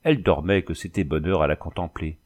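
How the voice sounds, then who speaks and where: A man's voice: low voice, fairly quick, a little mellow, pitched below the performer's own voice, lightly acted. A man voicing a scheming, fearful old woman who fusses and pleads. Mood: fussy. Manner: pleading, fussy. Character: scheming old female lodging-keeper, fearful and fawning.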